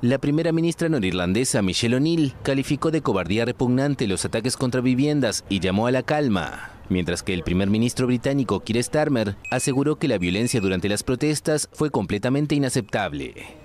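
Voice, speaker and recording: A man reading a news report as a scripted voice-over, in a measured delivery. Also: medium pitch, lively intonation, a little mellow, slight background noise. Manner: measured voice-over, also dubbing interviewees.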